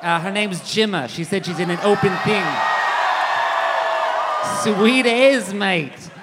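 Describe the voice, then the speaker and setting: A man voicing a cheerful, rowdy New Zealander with a broad Kiwi accent, shouting an in-character introduction on a live stage. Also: high voice, takes it slowly. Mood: rowdy, hyped. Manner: shouted, hyped-up stage announcing. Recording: echoey live hall, loud crowd noise.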